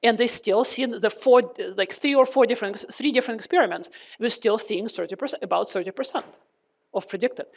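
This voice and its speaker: Perempuan dosen, suara agak tinggi teredam masker. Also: female voice, on the high side, brisk. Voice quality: muffled, speaking through a face mask. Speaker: physics lecturer. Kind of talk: lecture with questions to the class. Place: lecture room.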